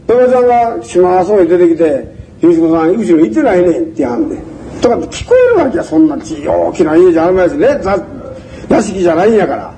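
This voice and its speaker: An older man with a Kansai (Osaka) accent recounts his community organizing in a conversational storytelling lecture, animatedly acting out the voices of the people he quotes. His voice sits high and gravelly, and he talks quickly. The recording is rough, with slight background noise.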